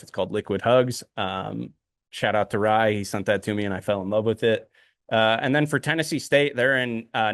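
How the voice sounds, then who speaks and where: A man's voice: on the low side, a bit bright, no room sound. A man co-hosting a podcast, rambling casually with many ums and uhs. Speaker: podcast co-host. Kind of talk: casual chat.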